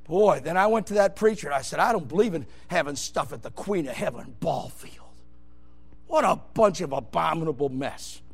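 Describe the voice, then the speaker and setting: A man preaching an emphatic Baptist sermon, swinging between loud shouted bursts and low, quiet asides. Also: expressive, moderate pace, vocal fry. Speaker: pastor.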